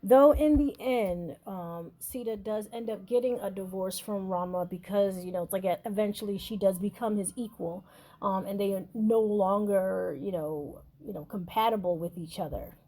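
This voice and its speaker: A woman with a warm, mellow voice talks casually about spiritual practice. She rambles, restarting sentences and leaning on fillers as she goes. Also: mid-range voice, normal speed. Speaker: spiritual shop owner teaching about deities.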